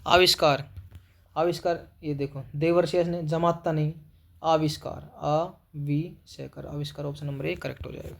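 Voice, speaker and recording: A young male teacher works through a spelling quiz, breaking every word into its syllables. His voice sits a little higher than most men's. He keeps a steady, practical classroom pace and closes each answer with a brief check-in to his students. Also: normal speed, gravelly, slight background noise. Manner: spells words syllable by syllable, repeats "ठीक है", calls students "भाई". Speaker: Hindi teacher. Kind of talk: exam-prep spelling lesson.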